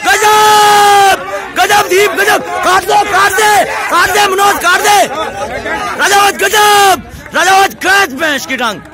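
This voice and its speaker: A man with a very high, strained voice yells encouragement to runners at an outdoor track. His words come slowly and get drawn out, and he calls out times one after another. A crowd and passing vehicles are clearly audible in the background. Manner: shouts names and cheers, calls out split times. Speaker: running coach. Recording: crowd and traffic noise outdoors.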